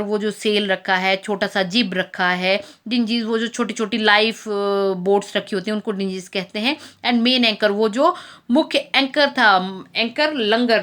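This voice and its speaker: Slightly high woman teacher explaining a text. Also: fairly bright tone. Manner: reads English lines slowly, then explains each word. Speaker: English teacher. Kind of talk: explaining an English text in Hindi.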